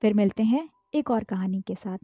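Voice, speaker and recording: A woman who narrates a short story in a measured, even reading, recorded dull, dry and lo-fi. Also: mid-range voice, husky, no room sound. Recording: dull, dry, lo-fi with faint music. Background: faint background music.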